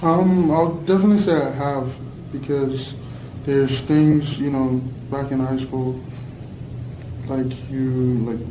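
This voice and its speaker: Mellow young man, Canadian-influenced accent. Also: medium pitch, steady tone, slow. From Nigeria. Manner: hesitant, frequent "like". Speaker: youth panelist. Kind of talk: casual reflective answer. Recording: echoey, distant mic, faint noise.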